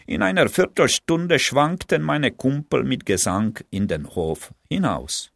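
A man narrating a first-person audiobook story in a lively storytelling manner. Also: mid-range voice, unhurried, vocal fry, no echo. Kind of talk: audiobook reading.

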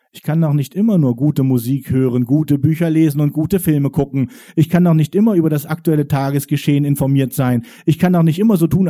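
A man's voice: fairly high pitch, dark tone. Wry man reciting spoken-word poetry. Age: 40s. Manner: rhythmic, wry, confessional delivery.

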